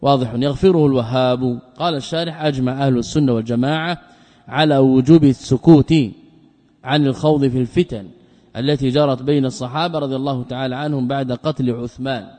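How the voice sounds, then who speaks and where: A man's voice: medium pitch, steady tone, fast, warm tone, long reverb tail. A man, a scholar, giving a religious lesson, reading quoted passages aloud and then explaining them, often repeating key phrases. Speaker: Islamic scholar teaching a text. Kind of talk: recorded religious lesson, explaining a text line by line.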